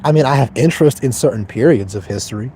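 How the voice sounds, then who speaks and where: A man's voice: mid-range voice, fast, mellow, a little hiss or hum. A man in his twenties livestreaming, reading chat questions aloud and answering them in a blunt, profane, detached way. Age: 20s.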